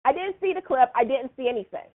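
A woman's voice: high voice, expressive, quick pace. A woman hosting a podcast, chatting casually through a soap opera recap, full of "like" and "you know". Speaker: podcast host. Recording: tinny phone-like sound.

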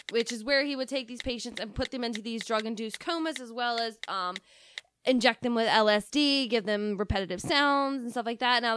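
A woman's voice: on the high side, a bit bright, a little hiss or hum. A woman co-hosting a podcast, chatting casually, laughing often and tripping over words. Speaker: podcast co-host. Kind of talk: casual chat.

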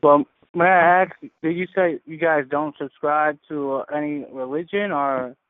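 A fairly high-pitched man with a steady tone speaks at a moderate pace, reflecting casually and earnestly as a caller on a faith community call while frequently groping for words. The phone line is narrowband and radio-like, with no echo.

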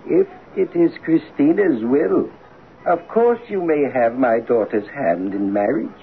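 A stern, mysterious older father in a vintage radio play, intoning every word slowly and with grandeur. His voice sits a little high. The sound is thin and phone-like, with faint hiss. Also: lively intonation, creaky. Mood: grave. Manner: slow, solemn, grandly intoning. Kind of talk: 1940s radio acting. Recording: tinny old radio broadcast with hiss.

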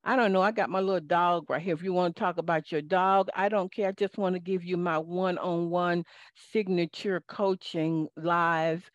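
A Southern woman who works as a life coach hosts a live call-in coaching show, talking slowly in a folksy, preachy way. Her voice is fairly low and steady. The audio is dull, lo-fi and dry, with no echo.

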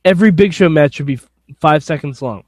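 A man's voice: fairly high pitch, fairly quick, darkish tone, no room sound, clean studio sound. A man co-hosting a casual chat, tossing in blunt, wry quips. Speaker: podcast co-host.

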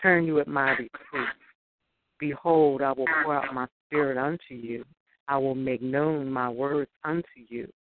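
Female caller, clipped phone line, tinny with faint hiss, measured preacherly delivery. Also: very deep voice. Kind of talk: calling in, reciting scripture.

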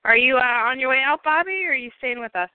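A woman's voice: high-pitched, fast talker, no echo. A woman hosting a call-in show, chatting casually with callers and laughing often. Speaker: host of a call-in radio show. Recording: tinny phone line.

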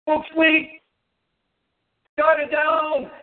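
A man preaching an impassioned sermon as a pastor, with forceful, emphatic declamation. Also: very high-pitched, monotone, extremely slow. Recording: narrow, phone-like band-limited sound.

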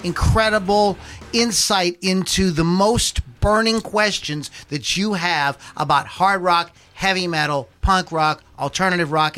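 A man's voice: sits high, fairly bright tone. A man hosting a show in a grandiose circus ringmaster manner, drawing out his phrases like a showman. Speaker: podcast host, self-styled ringmaster. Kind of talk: theatrical show introduction.

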